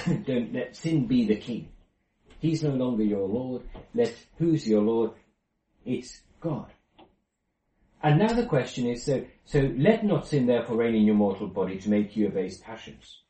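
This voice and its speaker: A man's voice: medium pitch, expressive, unhurried, dark tone. A man from Finland leading an informal Bible study, explaining with many restarts and fillers. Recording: roomy, distant from mic.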